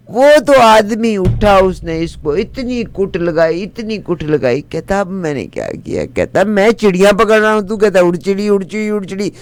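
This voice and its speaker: A man's voice: sits high, exaggerated voice. A man playing a chatty Punjabi auntie storyteller. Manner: lively, animated narration with repeated chants. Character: chatty middle-aged woman telling a folk tale. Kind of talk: comic storytelling.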